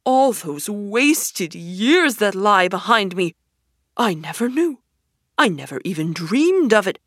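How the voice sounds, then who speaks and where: A woman voicing a boastful male toad, dreamy and car-struck, with slow breathy whispers that swell into excited exclaims. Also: a little high, no room sound, clean studio sound.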